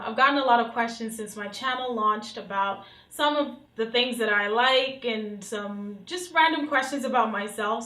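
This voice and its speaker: Chatty woman from Nigeria, echoey room. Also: a little high. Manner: chatty, warm-hearted asides, reads questions off her phone. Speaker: beauty vlogger. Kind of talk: casual Q&A to camera. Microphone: camera mic, reading from phone.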